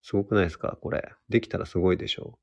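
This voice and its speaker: A man's voice: deep voice, fairly even intonation, rapid-fire. A young man hosting a casual solo livestream radio show, chatty and self-deprecating as he answers listener comments. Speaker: radio host.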